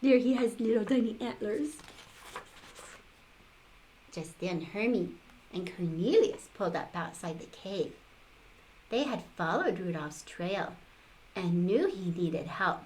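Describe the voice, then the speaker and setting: A woman's voice: medium pitch, animated, slow pace, long pauses, darkish tone, rough recording. An older woman, a sweet old lady, reading a storybook aloud expressively as a grandmother, with playful asides.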